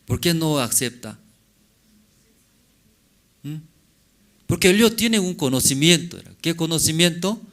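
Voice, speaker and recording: Animated pastor in broken Spanish. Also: male voice, fairly high pitch. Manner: halting non-native Spanish with broken grammar; animated preaching, asks the congregation questions. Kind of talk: sermon. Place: church service.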